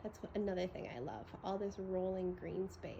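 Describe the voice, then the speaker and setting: A woman with a creaky voice giving an enthusiastic home tour as a gushing real estate agent, full of superlatives. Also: on the low side, fairly even intonation, moderate pace, mellow, highs cut off, a little hiss or hum. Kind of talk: enthusiastic property tour presentation.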